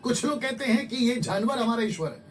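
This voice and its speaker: A man's voice: very high-pitched, expressive, a little fast. A man preaching an evangelistic sermon, exhorting his listeners and repeating his phrases for emphasis. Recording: distant mic with faint background noise.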